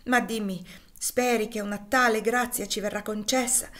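Lady reading an earnest worried young husband, soft and strained, audiobook. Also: mid-range voice, steady tone, moderate pace, lightly acted. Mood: earnest anxious. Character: young man fleeing slavery, anxious. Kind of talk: audiobook dialogue.

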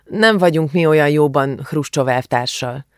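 A man's voice: a little high, dry recording, studio quality, lightly acted. A man reading aloud who voices a shy, uneasy teenage girl, murmuring hesitantly in an audiobook.

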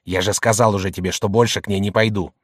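A man's voice: fairly low pitch, steady tone, fast talker, no echo, clean studio sound, lightly acted. A man reading an audiobook, voicing a middle-aged shopkeeper who wheedles and then bullies his wife. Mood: angry. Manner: gruff, by turns placating and bullying. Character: rough, boastful male shopkeeper, middle-aged, blustering.

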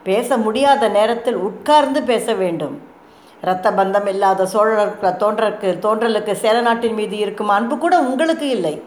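A woman's voice: medium pitch, close to an everyday voice. Kalyani, fierce old oracle mother, read by a woman. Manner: impassioned, rising to shouts. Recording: echoey room, faint noise.

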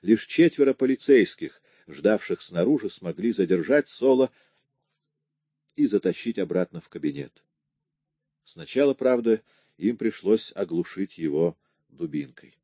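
A man reading a crime novel aloud in a steady storytelling manner. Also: low-pitched, a little slow, no room sound. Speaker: audiobook reader. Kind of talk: scripted audiobook narration.

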